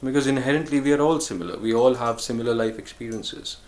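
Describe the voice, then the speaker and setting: It's a reflective solo monologue from a male vlogger whose mid-pitched voice moves at an unhurried, musing pace. Earnest in tone, he discusses choosing calm rather than harshness, with pauses and self-corrections.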